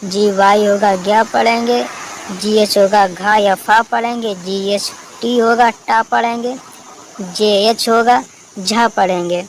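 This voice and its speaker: A woman's voice: medium pitch, steady tone, slow pace, slight background noise, low-quality recording. Woman teacher, recorded lesson. She spells out letters and asks her own questions. Faint crickets in the background. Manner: spells out letters and asks herself questions, then answers them. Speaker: English teacher.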